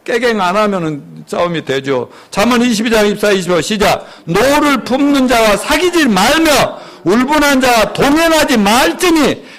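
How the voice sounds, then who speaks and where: A male pastor giving a lively church sermon, quizzing the congregation and acting out angry outbursts as examples. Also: very high-pitched, moderate pace, few pauses.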